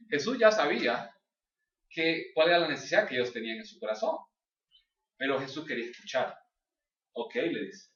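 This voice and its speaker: A man's voice: fairly high pitch, a bit bright. A man teaching a church course, explaining step by step and often checking in with his listeners. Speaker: Bible class teacher. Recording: distant, echoey, dull lo-fi room recording.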